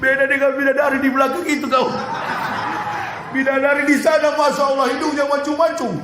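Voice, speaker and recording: A man preaching a sermon in a mosque, fiery and joking with the congregation, with sudden shouted bursts. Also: extremely high pitch, flat delivery, fairly quick, noisy background. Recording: echoey mosque hall.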